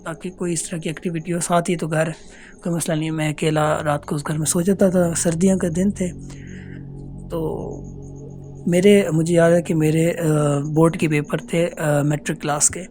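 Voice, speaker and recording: A man telling a true ghost story as a casual voice note, earnest and hesitant, pausing often. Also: on the high side, level tone, dark tone, faint music behind. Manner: earnest, unhurried, hesitant with many pauses. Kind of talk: casual spoken recounting of a true horror experience. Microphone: phone voice note.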